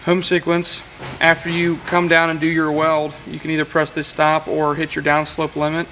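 A man's voice: on the high side, monotone, normal speed, bright, forceful tone, slight background noise, low-quality recording. A man, a welding equipment technician, walking through a machine's control panel in a matter-of-fact way, with frequent fillers, recorded in a workshop on a camera mic. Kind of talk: hands-on equipment demonstration.

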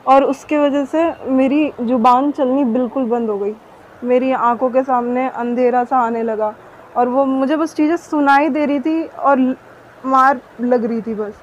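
A woman's voice: sits high, steady tone, a little slow. A young woman giving an earnest, detailed account in a news interview. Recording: dull muffled audio with faint noise.

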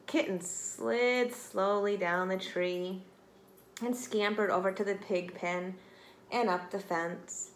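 A woman in her forties reads a children's story aloud expressively in a teacher-like way, her mid-range voice taking things slowly with fairly even intonation. She's recording in a small room at home, which sounds echoey with light background noise.

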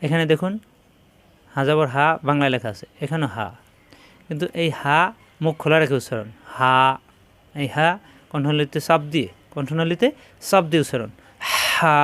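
A man teaching a Quran pronunciation lesson, drawing out each Arabic letter sound slowly and firmly. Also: on the high side. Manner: slow, drawn-out demonstration of letter sounds.

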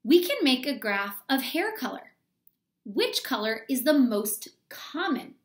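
Her voice sits high with big pitch swings, and she doesn't rush. This elementary school teacher reads to children in a small room at home, giving an instructional read-aloud in which she explains step by step and asks them questions.

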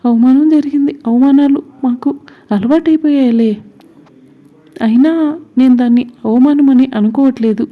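A woman's voice: high-pitched, steady tone, moderate pace, long pauses, narrow, tinny audio, pitched above the performer's own voice, close to an everyday voice. A woman voicing a cold young man who scolds with repeated questions. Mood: curt scolding.

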